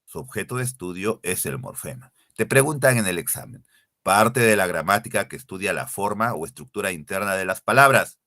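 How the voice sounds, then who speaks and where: A man's voice: low-pitched, expressive, a little fast, pushed and bright, dry recording, clean studio sound. A male teacher giving an online exam-prep class, repeating key definitions and quizzing his students directly. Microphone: computer mic, screen sharing.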